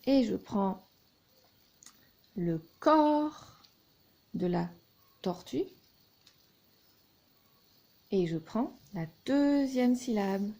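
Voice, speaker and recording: A woman teacher talks a young child through a classroom word game at a very slow, careful pace. Her voice is dark and soft, with a husky grain. She spells out letters and splits words into syllables, one at a time. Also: mid-range voice, lively intonation. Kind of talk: recorded lesson for young children.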